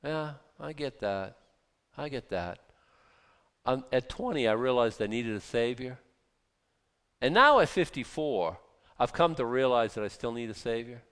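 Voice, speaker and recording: A man's voice: mid-range voice, lively intonation, unhurried, pauses often, smooth. Man in his fifties preaching in a reverberant hall. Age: 50s. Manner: rambling, self-deprecating, with sudden loud outbursts acting out anger. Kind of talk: casual sermon.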